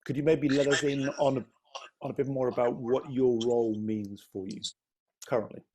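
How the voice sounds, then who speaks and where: A man hosting a live-streamed interview, chatty and gently hesitant as he introduces his guest and asks questions. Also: medium pitch, flat delivery, normal speed, a little hiss or hum.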